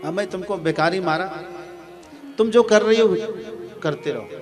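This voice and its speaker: A man's voice: sits high, normal speed, lightly acted. A callous, drunken husband barks curt orders at his wife , voiced by a male preacher in a slightly raised voice. Music plays behind him. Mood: commanding.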